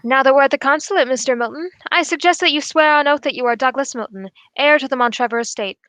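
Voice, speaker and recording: A woman voices a shrewd gentleman detective in an old-style radio drama, her high voice recorded close and dry with no room sound. Composed, brisk and formal, she lays out each point in measured phrases.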